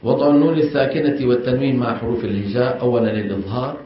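A man's voice: mid-range voice, fairly even intonation, very fast, slight background noise. A man with a Levantine Arabic accent teaching a class on Quran recitation. He keeps asking the class questions and has them repeat after him. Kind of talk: classroom lecture. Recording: echoey, dull lo-fi classroom recording.

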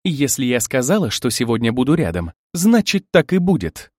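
A man's voice: mid-range voice, sing-song, a little fast, a little mellow, no room sound, clean studio sound. A man voicing a stubborn, imperious young emperor's daughter who insists on getting her way. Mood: stubborn, indignant.

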